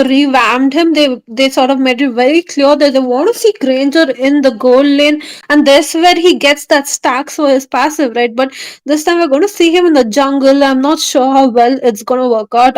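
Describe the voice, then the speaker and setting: A woman's voice: sits high, dry recording, poor audio. A woman commentating a live esports match, chatty and thinking aloud about the draft. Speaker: esports caster.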